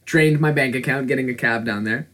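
A man's voice: medium pitch, brisk, a bit bright. A man in his twenties, co-hosting a podcast, telling a story in casual chat, rambling with lots of "like" and swearing. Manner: rambling, swears a lot, many filler likes. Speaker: podcast co-host.

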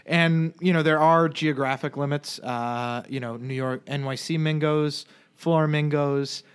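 A man co-hosts a casual podcast, bantering with jokes and rambling tangents, and he restarts his sentences often. His voice is fairly high and smooth, with a steady tone and measured pace.

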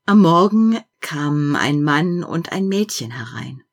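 A woman reads a fairy tale aloud at an unhurried pace, her low voice slightly husky. Her pitch moves widely and expressively, and she drops to a near-whisper in quiet passages before rising again in lively ones. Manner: slow, expressive storytelling with wide swings between hush and loud. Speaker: narrator.

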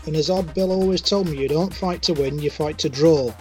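A man's voice: a little high, a little fast, a little mellow, faint music behind. A man playing a tabletop role-play game, speaking in character in a blunt, challenging way.

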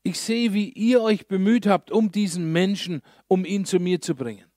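A man's voice: high voice, moderate pace, mellow, dry recording, clean studio sound, lightly acted. A man voicing an ancient healer who praises a group of friends for their faith. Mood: moved. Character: warm, impressed healer speaking to faithful friends.

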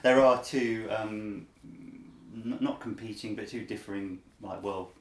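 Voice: mid-range voice, steady tone, takes it slowly, roomy sound. A host in casual conversation, thoughtful and stopping to search for words.

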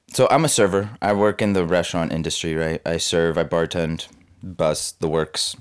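A man's voice: lowish voice, clean tone. A man in his twenties from Southern California, rambling casually to the camera in a laid-back, slangy, cynical way, full of fillers. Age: 20s. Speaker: vlogger.

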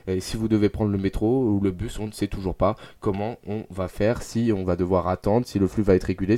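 A man's voice: fairly low pitch, mellow. A man presenting a live local radio news bulletin from a studio, talking with many hesitant filler sounds.

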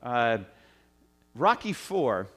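A man's voice: mid-range voice, very animated, very slow, a bit bright. A middle-aged man from the United States, a pastor giving a sermon in a conversational way, with asides and frequent "uh" fillers.

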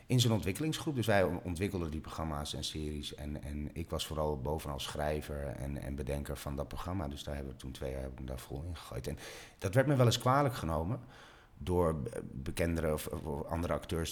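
A middle-aged man, an actor and voice actor, chatting in an animated way and sometimes slipping into voices. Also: fairly quick. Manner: animated, swings pitch, slips into voices. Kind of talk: casual interview talk.

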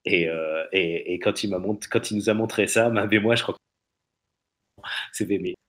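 Low-voiced, halting man chatting on a podcast. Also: fairly bright tone. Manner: hesitant, halting with repeated words. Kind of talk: casual podcast chat.

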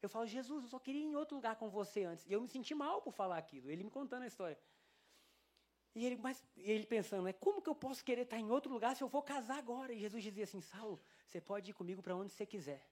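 A man's voice: sits high, fast talker. A male pastor with a Brazilian Portuguese accent delivering a sermon in church, telling a story and acting out the dialogue. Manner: animated storytelling, acts out quoted dialogue.

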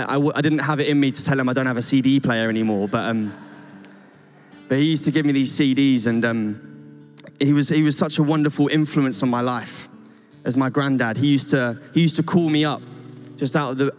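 A man's voice: mid-range voice, fairly even intonation, a little fast. A young man, a youth pastor, giving an earnest, rambling church talk with many restarts. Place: church stage. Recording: church hall reverb with soft guitar.

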